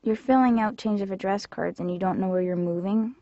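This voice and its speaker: An actress playing a receptionist, answering in a curt, deadpan way. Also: female voice, medium pitch, fairly quick, no room sound, natural voice. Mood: dry. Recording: dull dry lo-fi studio track.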